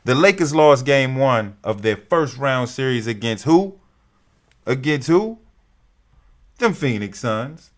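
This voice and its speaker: A young man giving casual, animated sports commentary as a vlogger, with a profane, trash-talking fan's manner. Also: mid-range voice, takes it slowly, pauses often.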